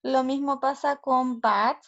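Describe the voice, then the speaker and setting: A woman teacher with a Chilean Spanish accent explains grammar rules slowly and carefully, checking in with her students. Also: high voice, fairly even intonation, a bit bright. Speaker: English teacher. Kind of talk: recorded online grammar lesson. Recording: slightly dull lo-fi audio.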